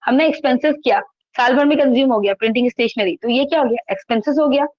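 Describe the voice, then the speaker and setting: Over a laptop mic, a high-voiced woman teaches an online accountancy class at a fast pace. She reads from the textbook, explains every point, and poses and answers her own questions, with lo-fi sound and no echo.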